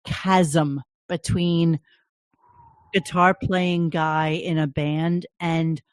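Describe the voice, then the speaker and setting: On a live stream, a man speaks through a headset or desk mic, recapping a radio show for his podcast in a rambling, crude, offhand way. His fairly high voice barely moves in pitch, he stretches out his words, and the recording has no room sound.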